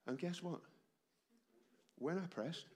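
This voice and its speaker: Speaking slowly in a slightly high voice, a man in his seventies preaches to a congregation. He sounds worn down by a cold and keeps asking the room rhetorical questions. It's a church hall, and he uses an amplified microphone.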